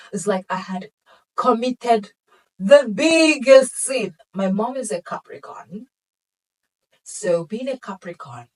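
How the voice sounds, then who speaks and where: A young woman vlogger telling a casual storytime, animated and laughing, dropping to whispers and rising to exclamations. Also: lowish voice, distant mic, low-quality recording.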